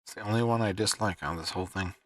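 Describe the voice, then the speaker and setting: A man hosting a livestream with casual, rambling chat, often pausing as he thinks. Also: on the low side, dry recording, distant mic. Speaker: livestream host.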